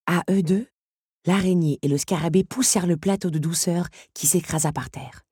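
A woman narrating a storybook in a steady, measured reading voice. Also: lowish voice, slightly rough, dry recording, clean studio sound. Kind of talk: audiobook reading.

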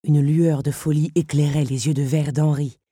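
A woman narrating an audiobook chapter with measured, expressive storytelling. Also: low-pitched, slightly rough, dry recording, studio quality.

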